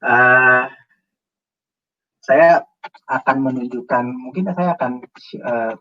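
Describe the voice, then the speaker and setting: Husky man on distant muffled audio. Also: medium pitch, slow pace. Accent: Indonesian. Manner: animated, acts out example phrasings. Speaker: guest speaker. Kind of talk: explaining interview tips in a webinar.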